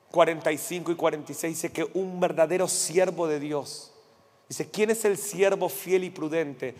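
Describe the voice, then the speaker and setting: A middle-aged Argentine pastor with a Rioplatense accent, preaching passionately and acting out stories. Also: male voice, on the high side, a little mellow. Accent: Rioplatense Spanish. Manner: passionate, acts out voices in stories. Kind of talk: sermon with personal anecdotes. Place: church hall. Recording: church hall with long reverb.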